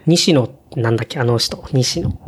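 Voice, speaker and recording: A man's voice: medium pitch, normal speed, a little hiss or hum. A man who runs tours, talking frankly in casual conversation, leaning on repeated words for emphasis. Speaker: tour operator.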